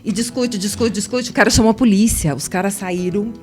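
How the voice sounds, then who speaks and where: A woman at an average pitch, telling a story as a guest on a radio talk show. She talks in a lively, animated way, laughs often and acts out the people she describes. She speaks into a studio microphone, with faint music playing behind her. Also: a little fast. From Brazil. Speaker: interview guest, writer and singer.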